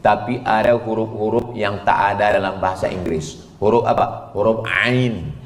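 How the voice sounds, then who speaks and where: Animated male preacher in an echoey hall. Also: on the low side, moderate pace. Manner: animated, joking with the audience, chants verses. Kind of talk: lively sermon. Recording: echoey hall, faint background noise.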